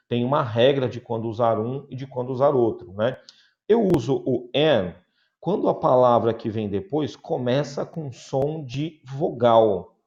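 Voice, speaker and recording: A Brazilian man teaching an English grammar lesson. He models the example sentences slowly and carefully, repeats them for drilling, and keeps checking that his students follow. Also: medium pitch, darkish tone, lo-fi sound. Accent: Brazilian Portuguese. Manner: repetitive drilling with frequent check-ins.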